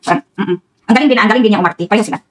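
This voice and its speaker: A woman's voice: medium pitch, animated, racing, slight background noise. A middle-aged Filipino woman chatting to viewers in a rambling home cooking vlog. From Philippines. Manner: rambling, talks straight to viewers, frequent laughs. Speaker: vlogger. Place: home kitchen.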